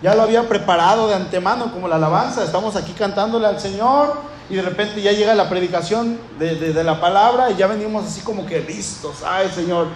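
A man preaches in a high voice, repeating phrases to build emphasis. His sermon rings through an echoey church hall with a faint hum of ambience behind it. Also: fast talker. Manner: impassioned, repetitive, building emphasis.

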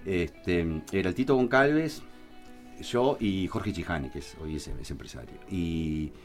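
A man with a Uruguayan Spanish accent recounts anecdotes in an easygoing, chatty way. His pitch swings widely as he acts out other people's lines. There is faint music behind him. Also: measured pace. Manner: animated, acts out quotes, many fillers. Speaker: guest telling anecdotes. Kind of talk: casual storytelling.

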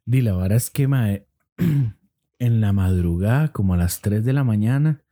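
A young man with a Costa Rican accent tells his story with animated swings in pitch and bursts of excitement. His voice is mellow and warm, and his speech is loose and full of slang. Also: measured pace. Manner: animated, slangy, with sudden outbursts. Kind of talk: casual storytelling chat.

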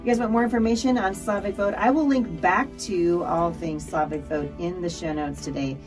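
A woman hosting a podcast interview, speaking emphatically with forceful opinions. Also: fairly low pitch, steady tone, moderate pace, distant mic, music in the background. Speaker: podcast host. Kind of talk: casual interview chat. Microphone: studio mic.

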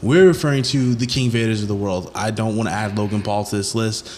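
Young dude cohosting, blunt and jokey, bit of hiss behind him. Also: male voice, fairly low pitch, fairly quick. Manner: joking, blunt, slangy. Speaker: podcast co-host. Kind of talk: casual chat.

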